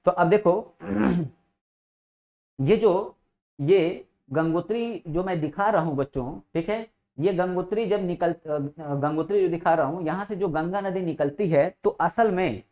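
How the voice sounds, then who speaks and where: A man's voice: sits high, lively intonation, measured pace. Man teaching geography, repetitive and patient. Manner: repeats key words with frequent "ठीक है" checks; addresses students as children, asks and answers own questions. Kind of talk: exam-prep geography lesson. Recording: dull lo-fi audio.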